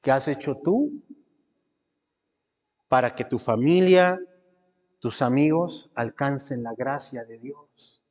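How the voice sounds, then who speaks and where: A male pastor delivering a sermon, breaking into high mimicking voices and stretching out phrase endings. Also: lively intonation, slow, pauses often, a little mellow, dull audio. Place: church. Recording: reverberant church hall.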